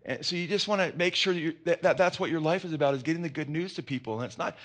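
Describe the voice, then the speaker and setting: A man's voice: a little high, rapid-fire. A middle-aged man preaching a conversational sermon, telling personal stories with lots of restarts and asides. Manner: animated storytelling, many restarts and asides. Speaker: pastor.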